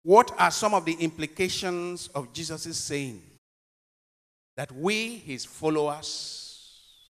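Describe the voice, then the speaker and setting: A male priest reading the Gospel and posing homily questions in a slow, deliberate, solemn way, phrases swelling and fading, with a long cathedral-like echo around him. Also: on the high side, a bit bright.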